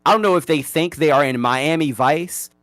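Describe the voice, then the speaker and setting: A man's voice: fairly high pitch, normal speed, fairly bright tone, no room sound. A man hosting a casual podcast debate, ranting bluntly and swearing freely. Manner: blunt, profane, exasperated ranting. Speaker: host.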